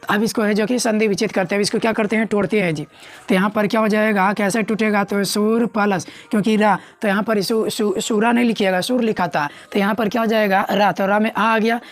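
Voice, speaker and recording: A woman's voice: medium pitch, fairly even intonation, fast talker. Coaxing woman teaching a class. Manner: repeats questions to students, coaxing. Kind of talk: grammar lesson.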